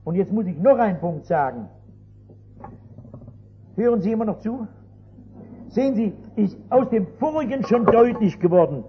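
A man's voice: high voice, animated, moderate pace, long pauses. A man preaching a sermon, telling a story and rising to impassioned, emphatic cries, in a dull lo-fi archive recording with faint music.

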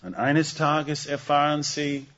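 A man in a slightly higher register delivers a sermon at an unhurried pace. He stresses words deliberately and asks his listeners one rhetorical question after another. The recording is muffled and lo-fi. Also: level tone, fairly bright tone. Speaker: preacher.

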